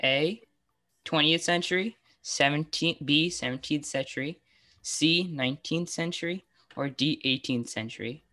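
A young woman with a low, unhurried, pushed and bright voice runs a trivia quiz in a casual online chat over video call. She giggles a lot and keeps stumbling, restarting her lines.

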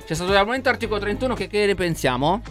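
A man's voice: sits high, lively intonation, racing, a bit bright. A young man hosting a casual music talk show in colloquial, slangy speech, steering the group along. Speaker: show host. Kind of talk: casual chat, music commentary. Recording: music playing behind the voice. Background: backing music track.

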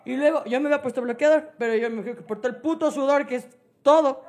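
A woman with an Ecuadorian accent, telling a story on a casual podcast, animated, laughing and swearing often. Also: high-pitched, very fast. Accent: Ecuadorian Spanish. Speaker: podcast co-host.

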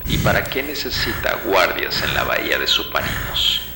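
A gravelly, furious commander. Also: male voice, low voice, sing-song, normal speed, pushed and bright, slight background noise, full character voice. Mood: angry demanding. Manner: barking demands, swearing. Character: stern authoritarian male commander, impatient and threatening. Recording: roomy echo with music under. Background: music.

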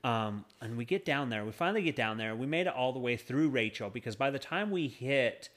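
A man's voice: medium pitch, lively intonation, fairly quick, fairly bright tone. A man telling anecdotes about his own experiences in a casual, rambling, conversational way, often repeating himself. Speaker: guest telling stories of paranormal investigations.

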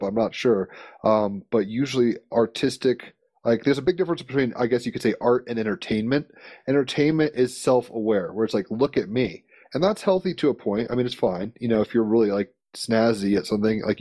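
A man with a fairly low voice in a dry, echo-free recording. He chats as an informal host, musing at length in loose, slangy phrases. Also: mellow. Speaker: interviewer, conversation host. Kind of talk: casual, musing chat.

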